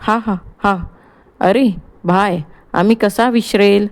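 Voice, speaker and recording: A woman's voice: medium pitch, steady tone, takes it slowly. A woman voicing a jovial, chatty older male surgeon with a Gujarati accent, mixing in English phrases, in an audiobook play reading. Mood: nostalgic.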